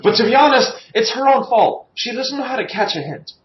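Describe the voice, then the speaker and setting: A man's voice: very high voice, animated, brisk. A man hosting a casual fan podcast, talking in a crude, sarcastic way and swearing freely. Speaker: podcast host. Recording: muffled lo-fi audio in an echoey room.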